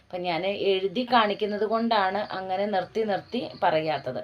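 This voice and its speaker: A female tutor from Kerala, giving an exam-prep lesson. She talks in encouraging teacherly asides and reads spellings out slowly, letter by letter. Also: medium pitch, highs cut off. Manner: slow dictation of spellings letter by letter. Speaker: OET tutor.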